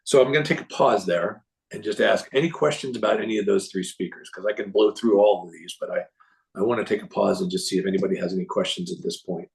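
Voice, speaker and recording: A man giving a casual, rambling recap of a symposium to a group, often clearing his throat and restarting sentences. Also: on the low side, quick pace, rough recording. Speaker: presenter reporting on a symposium.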